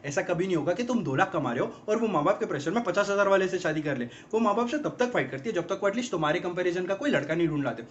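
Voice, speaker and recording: A fast-ranting fed-up young guy. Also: sits high, animated, slight background noise. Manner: rapid-fire exasperated rant, mocking. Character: exasperated young man ranting about girlfriends. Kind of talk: film comedy monologue. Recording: dull lo-fi film audio.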